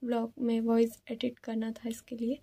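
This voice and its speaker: A young woman, talking slowly and softly in a casual vlog, tired and sleepy. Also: fairly high pitch, completely flat delivery, breathy edge. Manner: soft-spoken, slow and subdued. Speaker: vlogger.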